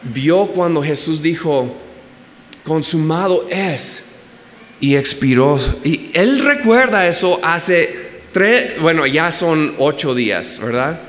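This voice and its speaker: Slow-preaching man in an echoey hall. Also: a little high, animated, fairly bright tone. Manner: conversational, acts out quoted voices, self-deprecating asides. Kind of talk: sermon. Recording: reverberant hall with faint ambience.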